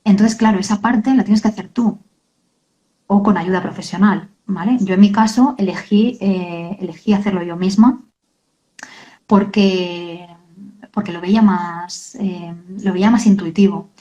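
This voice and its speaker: A woman, a guest author in an interview, talking earnestly and haltingly and often adding checking tags. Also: medium pitch, dark tone, dull audio. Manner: earnest, halting, many tag questions. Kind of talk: emotional interview talk.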